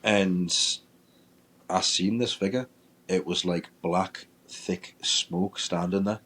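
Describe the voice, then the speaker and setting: A man, a paranormal investigator, telling a ghost-hunting story in a lively way and acting out his own reactions. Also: deep voice, takes it slowly. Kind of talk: storytelling in casual chat.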